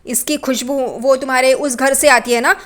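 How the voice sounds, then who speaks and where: A woman reading the lines of a gentle, caring young man in a soft, comforting way. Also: sits high, fairly even intonation, moderate pace. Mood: tender.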